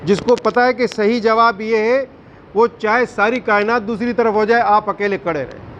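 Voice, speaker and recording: A man teaching a Quran recitation class, firm and questioning, drawing out recited words slowly. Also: high voice, fairly bright tone, lo-fi sound, slight background noise. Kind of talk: classroom tajweed lesson.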